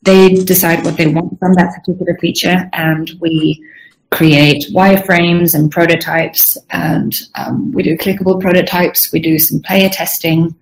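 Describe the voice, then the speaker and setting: Unhurried and level in tone, a young woman with roots in Sweden and Southern Africa describes her game design job in a casual interview. Her lowish voice sounds a bit strained, she repeatedly clears her throat, and the recording is rough.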